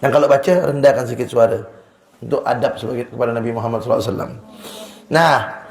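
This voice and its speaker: A man teaching an Islamic study sermon in a lively way, booming at some points and dropping to a hush at others. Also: very fast, echoey room. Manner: animated, shifts between loud emphasis and hushed low lines. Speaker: religious teacher. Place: Islamic boarding school hall.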